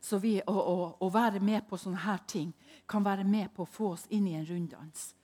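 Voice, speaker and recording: Animated woman preaching with hushed asides. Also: medium pitch. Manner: animated storytelling, swings between loud emphasis and hushed whispers. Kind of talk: testimony-style preaching.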